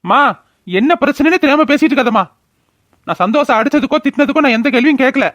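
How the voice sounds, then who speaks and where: Cartoon brother, stern and questioning family head, quick talker, slightly dull sound. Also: male voice, extremely high pitch, fairly bright tone, no echo. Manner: firm, questioning. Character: stern but fair middle-aged brother, family head. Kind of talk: cartoon voice acting.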